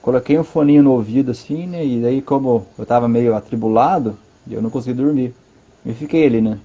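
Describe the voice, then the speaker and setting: A man with a Brazilian Portuguese accent giving an earnest personal testimony from his living room, halting and repeating words for emphasis. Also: medium pitch, warm tone, lo-fi sound. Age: adult, father of a five-year-old. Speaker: interview guest.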